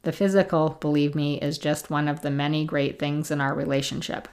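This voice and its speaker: A woman hosting a casual podcast, reading listener letters aloud in a gentle, chatty way. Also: sits low, level tone, a little fast. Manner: reads gently, laughs easily, chatty asides.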